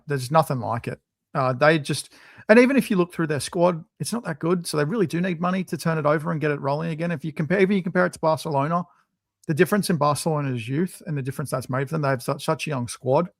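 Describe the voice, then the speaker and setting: Aussie bloke chatting on a podcast, opinionated, dry close mic. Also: male voice, fairly high pitch, dry recording. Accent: Australian. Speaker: podcast co-host. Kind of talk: casual podcast chat.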